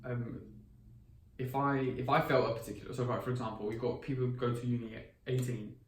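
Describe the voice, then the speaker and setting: In his twenties, this man co-hosts a podcast and rambles casually with frequent fillers and restarts. His mid-range voice is brisk and shows little pitch movement. The recording has a little hiss or hum, an echoey room, faint ambience, and a distant mic.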